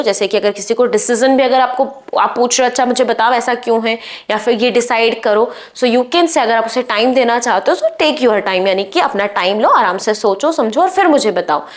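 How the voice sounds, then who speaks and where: A woman teaching a spoken English lesson, explaining in Hindi and saying each English phrase slowly and clearly. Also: on the high side.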